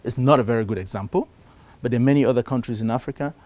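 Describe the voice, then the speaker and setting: Middle-aged man giving an animated conference talk. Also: medium pitch, racing. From Cameroon. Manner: animated, shifts loudness for emphasis. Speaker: conference speaker. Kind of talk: live talk on investing. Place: conference stage before an audience.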